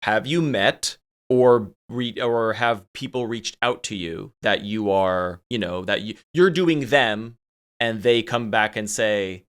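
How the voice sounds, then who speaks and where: A man's voice: lowish voice, takes it slowly, clean tone. Host guy asking long curious questions, casual chat. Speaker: podcast host.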